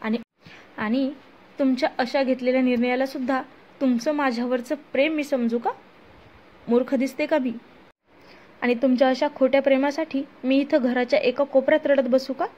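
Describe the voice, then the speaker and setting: A woman's voice: sits high, fairly even intonation, moderate pace, darkish tone, natural voice. A woman voicing a hurt, tearful young wife who pleads emotionally, on a muffled lo-fi recording. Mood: hurt, bitter. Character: hurt young wife confronting her husband, then a terrified captive.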